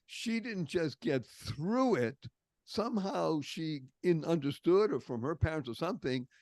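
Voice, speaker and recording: A man's voice: a little high, a little mellow, dry recording. An older man from the Boston area with a Boston accent, a podcast guest telling stories expressively and stressing key words. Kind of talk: storytelling interview.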